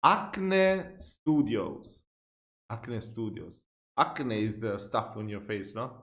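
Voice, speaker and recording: A man's voice: on the low side, fairly even intonation, measured pace, a bit bright. A man hosting a casual reaction video, chatty and playful, laughing between remarks. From Italy. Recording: roomy echo.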